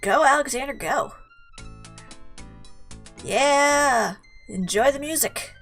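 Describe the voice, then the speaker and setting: Over background game music, a woman hosts a relaxed let's play, chatting casually and teasing the game as she goes. Her voice is high and a bit bright, and she takes things slowly.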